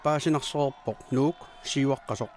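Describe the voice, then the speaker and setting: A male reporter delivers his segment in a measured, even tone. Background noise comes through clearly in the recording. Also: mid-range voice. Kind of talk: news report voice-over.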